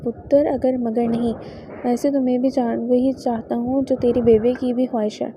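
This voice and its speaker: A woman reading the lines of an elderly village father who is gentle but firm, fatherly and persuasive. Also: on the high side, flat delivery, background noise, close to an everyday voice.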